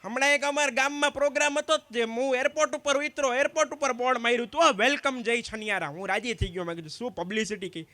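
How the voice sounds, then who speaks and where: Man, stand-up comedian, very high voice, dry sound, acts out both sides of each dialogue. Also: steady tone, sharp tone, no echo. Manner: quick anecdotal storytelling, acting out both sides of each exchange. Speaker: stand-up comedian at a community gathering. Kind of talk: live stand-up joke telling.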